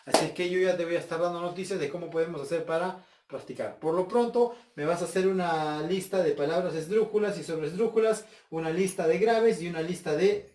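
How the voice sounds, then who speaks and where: A male teacher with a high voice walks through a whiteboard lesson step by step. He repeats the key points and asks rhetorical questions. The sound is roomy and picked up from a distance. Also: brisk, darkish tone, a little hiss or hum. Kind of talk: recorded home lesson at a whiteboard. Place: room with a whiteboard. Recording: echoey room, distant mic.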